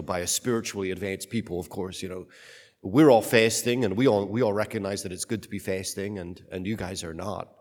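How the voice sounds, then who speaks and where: Low-voiced priest in cathedral echo. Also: male voice, darkish tone. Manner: reflective, halting, thinking aloud. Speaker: priest giving a homily. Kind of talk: liturgical Gospel reading and unscripted homily. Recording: long cathedral-like echo of a large space.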